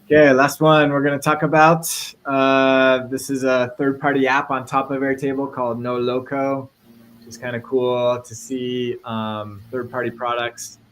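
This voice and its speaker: A man's voice: mid-range voice, measured pace, slight background noise, low-quality recording. A man hosting a casual tech podcast, chatting easily and reading a sponsor spot. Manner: relaxed, reads sponsor spot. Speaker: podcast host.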